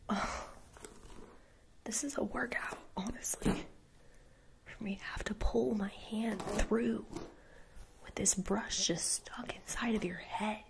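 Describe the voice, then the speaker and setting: Woman acting a snippy popular girl, whispered role-play, creaky. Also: medium pitch, steady tone, slow, pauses often. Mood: snippy, exasperated. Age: young adult. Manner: mock-sweet, snippy, condescending. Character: snooty mean popular girl at a party. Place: small indoor room, seated before camera.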